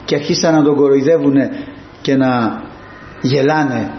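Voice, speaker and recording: A male preacher giving an impassioned sermon, moving between hushed asides and high, emphatic peaks, in a church. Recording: dull, roomy and slightly noisy.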